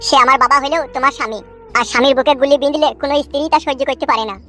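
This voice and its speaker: High-pitched, fast, fiery woman. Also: steady tone, bright, forceful tone, soft background music. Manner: angry, vengeful outbursts with crude curses. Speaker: voice actor in a family drama. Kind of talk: emotional village drama acting.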